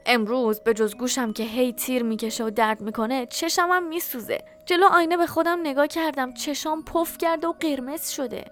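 A woman narrating a children's story in the first person as a young boy, with a lively, expressive reading. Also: high-pitched, hardly any pauses, faint music behind.

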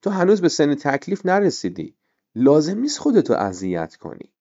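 A man voicing a patient father who speaks calmly and softly, asking his son gentle questions. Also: fairly high pitch, muffled recording, voice pushed up, heavily acted. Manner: calm, soft-spoken, questioning.

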